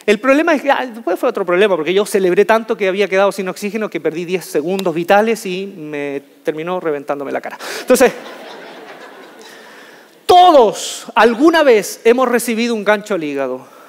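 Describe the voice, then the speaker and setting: A man with a notably high voice tells a funny personal story from a stage. He is animated and jokey and leans on key words for effect. His voice rings out with the long reverb of a large hall. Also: brisk. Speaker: motivational speaker. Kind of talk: humorous storytelling talk to an audience.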